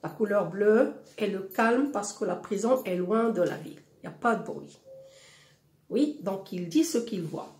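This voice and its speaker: A woman's voice: medium pitch, animated, measured pace, darkish tone. A woman teaching a French poetry lesson, patiently explaining and asking the class questions she then answers herself. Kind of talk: slow classroom explanation of a poem. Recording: roomy, echoey room.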